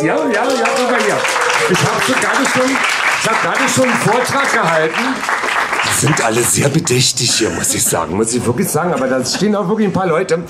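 A man's voice: high voice, very noisy. Camp chatty drag vlogger, man. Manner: camp, playful, self-mocking. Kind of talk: chatty on-the-go vlog. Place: car, then outdoor terrace and large hall. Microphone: handheld camera at arm's length.

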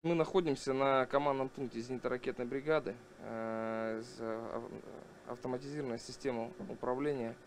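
Gravelly, halting military man. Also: medium pitch, steady tone, heavy background noise. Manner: measured, formal, halting. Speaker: air defence officer. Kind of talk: explanatory interview. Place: small military command post room.

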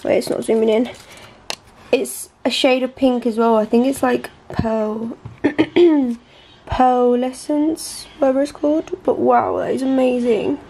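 A woman's voice: fairly high pitch, measured pace, creaky, dark tone, breathy edge. A young woman talking in a gushing casual vlog, groggy from just waking up. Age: young adult. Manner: gushing, says "literally" and "wow" a lot. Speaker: vlogger.

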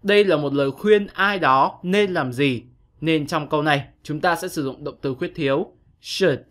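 A male English teacher reads a scripted online lesson, patient and methodical with young pupils. His voice sits a little high and rings bright and forceful. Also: moderate pace.

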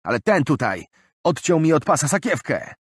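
A man's voice: on the high side, very animated, moderate pace, slightly rough, dry recording, studio quality, pitched above the performer's own voice. A male narrator voicing a stout, bald, robbed man who sounds aggrieved and pleading.

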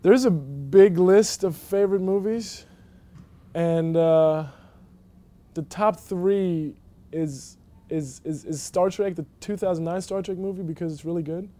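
A man's voice: high-pitched, a little slow, dark tone. A young man from Germany, a college basketball player, answering interview questions casually with many fillers and restarts. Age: young adult. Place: empty indoor basketball arena.

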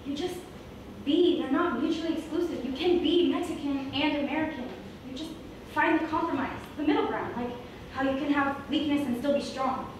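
On a small indoor theatre stage, a young adult woman projects emphatically as a spirited, sassy young Mexican American heroine in a comic musical. Her high voice moves at a moderate pace, sounds close to everyday speech, and carries an earnest, firm mood. A far-off camera picks up echoey stage sound and audience noise.

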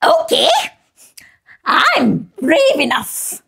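A woman's voice: extremely high pitch, very slow, creaky, voice pushed up, heavily acted. A woman voicing a playful, cheeky female monkey in a storybook reading. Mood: bold. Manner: squealing, excited.

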